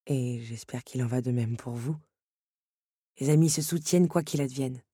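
Woman doing a low, teasing young duke. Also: normal speed, mellow, husky, no echo. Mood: gentle reassurance. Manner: dry, teasing and earnest.

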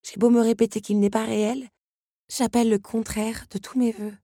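A young heroine from a storybook reading, earnest and wistful, her voice raised above the narration, as a woman plays her. Husky tone, dry close recording. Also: on the high side, level tone, normal speed, dark tone, no echo, voice pushed up. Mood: uneasy.

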